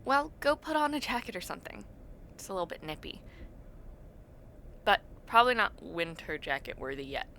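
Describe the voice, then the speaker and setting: A young adult woman plays a friendly, teasing university student in a casual audio roleplay, addressing the listener with expressive reactions and drawn-out words. She sounds chatty and playful at a medium pitch. Slight background noise is present.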